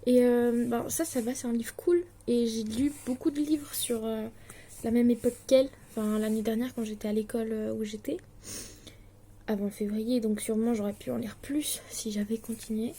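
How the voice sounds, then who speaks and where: This Swiss distance-learning student vlogger in her late teens talks to the camera about her studies in a fairly high, dark, breathy voice, keeping a steady tone at a moderate pace. She speaks casually but hesitantly, with lots of fillers, sounding anxious and self-deprecating.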